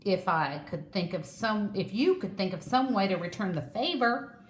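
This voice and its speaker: A woman voicing a gruff, selfish male rhino in a storybook, blunt and snorting. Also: medium pitch, lively intonation, moderate pace, roomy sound, natural voice. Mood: grudging.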